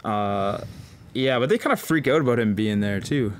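A young man with an average-pitched voice who keeps things easygoing and laughs often. He is chatting casually in a home basement. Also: expressive, normal speed, a little hiss or hum. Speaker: podcast co-host. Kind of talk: casual chat. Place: home basement room with posters.

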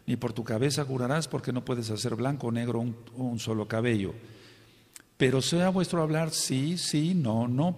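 Male preacher, mid-pitched voice, emphatic teaching delivery, long echo of a big hall. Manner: emphatic, asks the congregation for amens and checks understanding. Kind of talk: sermon, Bible study teaching.

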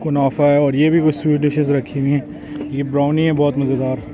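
A young food vlogger gives a relaxed, chatty walkthrough of an outdoor buffet at a waterfront restaurant, pointing things out as he walks and filming on a phone at arm's length. His voice is a little high and brisk, and the dull lo-fi sound includes crowd chatter.

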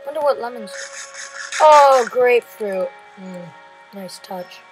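A woman giving casual, excitable let's-play commentary, shouting at creatures in the game. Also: a little high, takes it slowly, soft background music, poor audio. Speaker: gameplay commentator.

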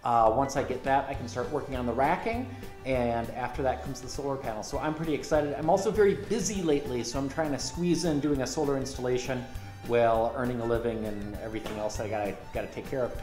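A man's voice: medium pitch, fast, darkish tone, faint music behind. A man in his forties vlogging casually with dry, self-mocking humor, filming himself with a handheld camera. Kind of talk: casual vlog narration. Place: in a car and a home garage.

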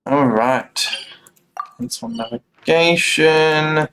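A young adult game streamer commentates on his own gameplay in a small room at home, talking to himself in a playful, mock-polite way. His voice is fairly high and a bit bright, his delivery very slow, with game music and slight background noise behind him.

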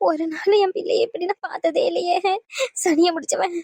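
A woman's voice: very high-pitched, steady tone, fairly quick, darkish tone, no echo. A woman voicing a grieving old grandmother who laments and sobs in a cartoon dub. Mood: wailing. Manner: lamenting, sobbing.

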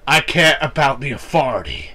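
In a very animated, medium-pitched voice at normal speed, a young man with a cold and a nasal sound casually commentates a wrestling game for YouTube. He cracks jokes, swears, reads lines aloud and lets out loud mock cheers.

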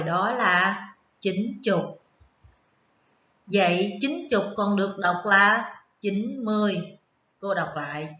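A woman primary school teacher giving an online math lesson to first graders, counting aloud slowly and prompting the children to repeat after her. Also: mid-range voice, sharp tone, reverberant, muffled recording.

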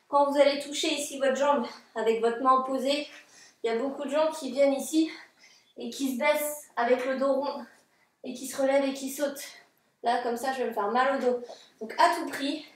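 A woman's voice: high-pitched, slight background noise. A woman in her thirties coaching a home workout, motivating with short commands and counts. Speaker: fitness coach. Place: living room, indoors. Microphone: distant camera microphone. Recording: echoey room, far from mic, music.

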